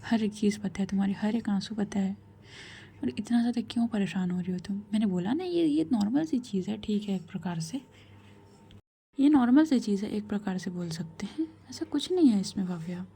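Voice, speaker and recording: A woman doing a soft-spoken loving young woman. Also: mid-range voice, lively intonation, a little fast, gravelly, a little hiss or hum. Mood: tender. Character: young woman, loving, gently reassuring partner.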